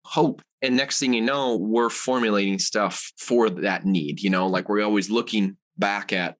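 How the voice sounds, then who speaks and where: A man's voice: lowish voice, normal speed. A man, a guest on an interview podcast, telling personal stories in a casual, rambling way with lots of fillers. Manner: animated, rambling with many fillers. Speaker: guest, supplement company founder.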